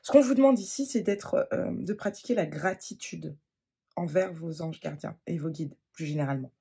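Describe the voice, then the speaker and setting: Husky tarot card reader, gentle and halting, lots of restarts, mid-pitched voice. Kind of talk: spontaneous card-reading monologue.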